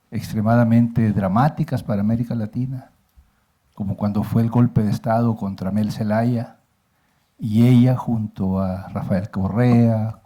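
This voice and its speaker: A Salvadoran man rises in a university auditorium to make a formal comment, pausing on fillers. His voice is very dark and mellow, and low-pitched. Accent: Salvadoran Spanish. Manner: formal, deliberate, hesitant fillers. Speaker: audience member, former legislator. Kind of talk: public comment at a panel.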